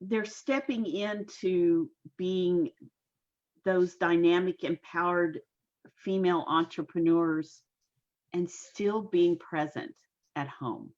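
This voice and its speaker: A woman in her sixties, a guest on an online interview, talking in an earnest, measured and folksy way. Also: on the low side, darkish tone, muffled recording. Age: 60s. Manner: folksy, homespun phrasing. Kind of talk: casual interview talk. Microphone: video call.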